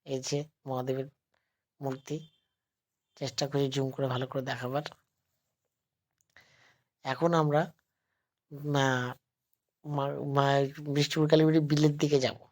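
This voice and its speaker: Male vlogger, sore throat, soft and unhurried, flat even delivery, phone-recorded. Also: mid-range voice. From West Bengal, India. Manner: speaks slowly and softly, addressing viewers as friends. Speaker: travel vlogger. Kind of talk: casual vlog narration. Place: temple grounds. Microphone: phone held while filming.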